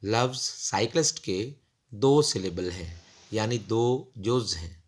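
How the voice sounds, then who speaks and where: Guy slowly going through an english workbook page, reads the english bits then explains. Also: fairly low pitch, slightly rough. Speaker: English teacher. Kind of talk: slow textbook lesson explanation.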